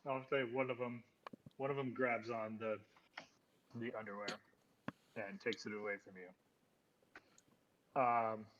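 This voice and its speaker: Male GM, halting and unhurried, mid-pitched, lo-fi audio. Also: level tone. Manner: hesitant, thinking aloud with many ums. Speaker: game master. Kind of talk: running a tabletop game session. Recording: dull lo-fi audio with faint noise.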